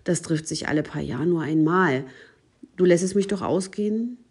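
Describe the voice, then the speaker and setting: A woman voicing a greedy, sly female cat in a read-aloud fairy tale, in a low, husky voice that sometimes sinks to a hush. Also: normal speed. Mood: coaxing.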